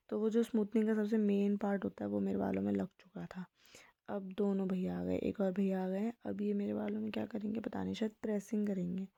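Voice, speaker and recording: A young woman narrating a casual vlog voice-over in a soft, hushed, chatty way. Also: medium pitch, vocal fry, no room sound, lo-fi sound. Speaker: vlogger.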